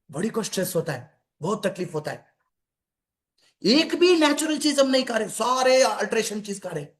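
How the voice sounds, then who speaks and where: A man giving a conversational health talk to an audience, repeating phrases for emphasis and calling his listeners friends. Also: extremely high pitch. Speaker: health and wellness speaker. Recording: echoey room.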